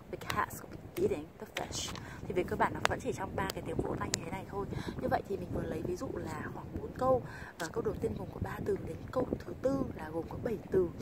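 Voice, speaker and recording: A woman from Vietnam teaching English pronunciation in a video lesson, patiently explaining and slowly modeling example sentences. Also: fairly low pitch, very noisy. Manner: patient, repeats example phrases slowly and clearly.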